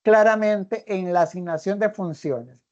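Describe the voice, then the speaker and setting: A woman's voice: medium pitch, measured pace, a little mellow, lo-fi sound. A woman student who works as a regional adviser, adding her view in an online class with hesitant restarts as she thinks aloud.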